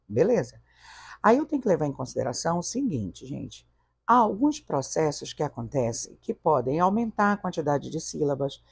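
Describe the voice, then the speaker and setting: A man's voice: on the high side, gravelly, darkish tone, slightly rough, no echo, clean studio sound. A man teaching a casual video lesson, playful and affectionate with viewers. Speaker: Portuguese teacher.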